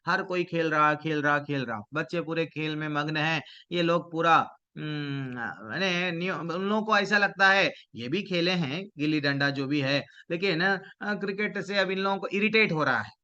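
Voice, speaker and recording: A man telling a devotional story to a gathering, animated and full of fillers and restarts. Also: a little high, moderate pace, hardly any pauses, smooth, lo-fi sound. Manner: animated, acts out quoted voices, frequent fillers and restarts. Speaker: devotional storyteller addressing a congregation.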